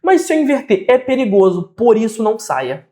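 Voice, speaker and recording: A teacher with a Brazilian accent walks through a grammar lesson at an even, medium pitch. Examples come again and again, with frequent checks that the listener is following. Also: a little fast. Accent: Brazilian Portuguese. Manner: patient, repeats examples, checks in often.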